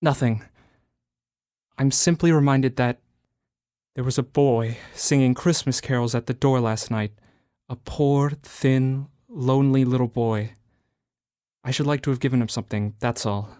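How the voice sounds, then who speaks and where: A man's voice: medium pitch, fairly even intonation, a little slow, warm tone, clean tone, lightly acted. A young man playing Ebenezer Scrooge, an old miser who is shaken and remorseful, in a radio drama with wavering, half-laughing delivery. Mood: regretful. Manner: wistful, voice wavering between laughter and regret. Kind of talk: student radio drama acting.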